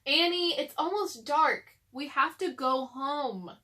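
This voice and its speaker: A woman's voice: sits high, takes it slowly, sharp tone, pitched above the performer's own voice, full character voice. A woman voicing a sensible, skeptical eight-year-old boy, an exasperated big brother in a children's storybook. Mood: worried urging. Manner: skeptical, calling out.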